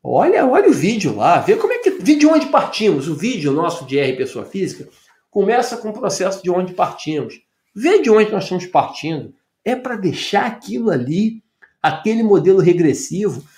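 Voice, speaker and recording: A man with a fairly high voice lectures on tax policy in a loose, conversational way. He talks emphatically, stacks up rhetorical questions and leans on plenty of fillers. The echo of the room he recorded himself in is clearly audible. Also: very animated, normal speed, darkish tone. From Brazil. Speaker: tax professor commenting on news. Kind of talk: informal video commentary. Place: home office.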